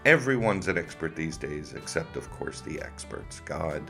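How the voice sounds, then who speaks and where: A man's voice: rumbling low, sing-song, moderate pace, vocal fry, fairly bright tone, faint music behind. A man hosting comic reaction commentary in a sarcastic, mocking way. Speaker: host of a commentary video.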